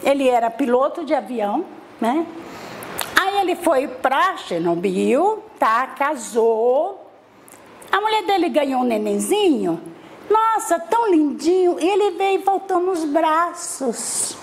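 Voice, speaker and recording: High-pitched woman, middle-aged, chatty storyteller, faint hiss behind. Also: expressive, slow pace. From Salvador, Bahia, Brazil. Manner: chatty, many "né" tags and restarts. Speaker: interviewee, mother. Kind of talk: personal life story interview.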